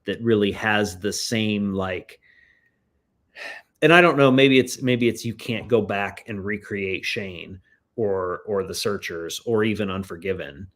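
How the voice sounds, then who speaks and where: A man's voice: on the low side, unhurried. Musing man in casual chat. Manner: musing, rambling, lively. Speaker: guest.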